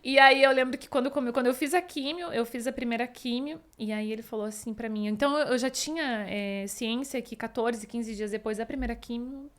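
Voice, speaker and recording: A woman's voice: a little high, brisk, hardly any pauses. A woman in her thirties, a podcast guest, telling a personal story in a chatty way, acting out what people said. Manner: chatty, retells scenes and quotes people, leans on fillers like "assim".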